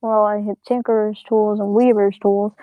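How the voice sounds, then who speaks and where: A woman's voice: medium pitch, little pitch movement, moderate pace, no room sound, narrow, tinny audio. A woman playing a tabletop game, joking and sarcastic in casual banter. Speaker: player.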